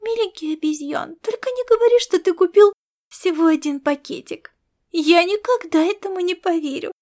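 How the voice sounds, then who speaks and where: A woman voicing an excitable young female star cat with a high, coaxing, sing-song manner in an audiobook. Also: normal speed. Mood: wheedling. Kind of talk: audiobook character voice.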